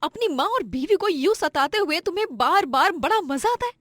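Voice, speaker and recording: Cartoon young wife, hardworking and defiant, a woman plays her, higher voice, dry sound. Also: animated, moderate pace, no room sound, close to an everyday voice. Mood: furious. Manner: scolding, indignant.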